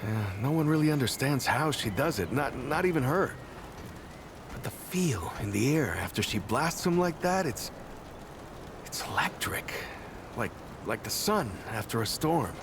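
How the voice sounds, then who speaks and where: A male actor voices an earnest, shy settlement mayor in a video game, speaking in a hesitant, stammering, natural way with an admiring mood. His mid-range voice is animated but a bit slow, with ambient background noise audible.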